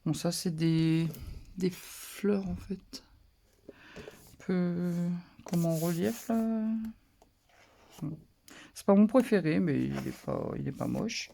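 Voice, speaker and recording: Gravelly, mellow papercraft vlogger. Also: mid-range voice, takes it slowly, long pauses, slight background noise. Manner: relaxed, chatty, lots of small hesitations. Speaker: papercraft channel host. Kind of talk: casual haul show-and-tell.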